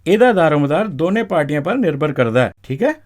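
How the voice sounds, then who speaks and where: A man with a Dogri accent, speaking briskly in a slightly high, very animated voice with a darkish tone, walks farmers through a farm law in an educational film. He teaches in a chatty, didactic way and keeps checking comprehension with quick questions.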